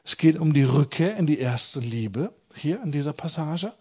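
A man preaching a sermon, swinging between loud emphatic peaks and quiet low passages, and acting out quoted voices. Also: lively intonation, normal speed, breathy edge. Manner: acts out quoted voices in dialogue.

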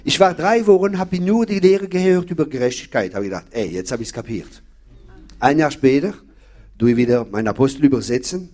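Husky man preaching with emphatic repetition. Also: medium pitch, sing-song, fairly quick, darkish tone. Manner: emphatic, repeating key phrases, addressing the audience with questions. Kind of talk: sermon.

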